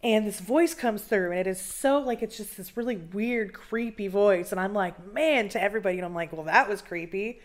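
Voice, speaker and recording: A woman paranormal investigator chatting as an interview guest indoors, telling stories in an animated way with many fillers. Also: mid-range voice, fairly quick, hardly any pauses. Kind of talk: casual storytelling interview. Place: indoor room of an old school building.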